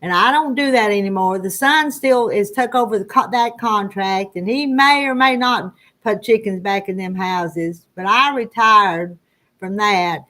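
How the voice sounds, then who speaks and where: A woman in her sixties from the Arkansas Ozarks foothills in the United States hosts a livestream, chatting casually with viewers in a folksy, rambling, homespun way and a rural Southern Ozark country accent. Her medium-pitched voice is a little slow with a sharp tone.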